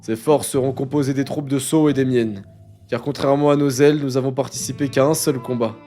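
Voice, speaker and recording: A man doing a composed, calculating officer who lays out his plan in a slow, measured island accent. The voice stays calm and deliberate, reading from a manga, with a faint wash of music behind it. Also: mid-range voice, natural voice. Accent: Caribbean-style put-on.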